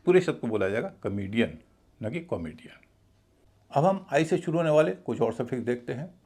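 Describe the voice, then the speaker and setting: A man giving a slow, deliberate pronunciation lesson, spelling words out letter by letter. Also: a little high, animated, mellow. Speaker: English pronunciation teacher. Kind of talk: scripted lesson narration.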